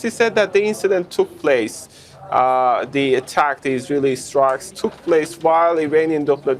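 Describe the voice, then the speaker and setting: Higher-voiced male correspondent reporting live. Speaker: news correspondent. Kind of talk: unscripted live news report.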